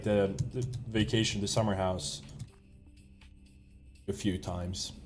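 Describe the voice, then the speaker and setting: A man's voice: on the low side, darkish tone. Man chatting loosely while gaming. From Sweden. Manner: rambling, self-correcting, chuckles often. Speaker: streamer. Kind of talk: casual live-stream chat while gaming.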